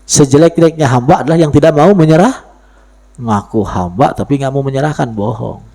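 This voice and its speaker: A man's voice: on the high side, fairly quick, mellow. A man giving an Islamic study sermon, teaching playfully with chanted verses and mock dialogues. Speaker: religious teacher.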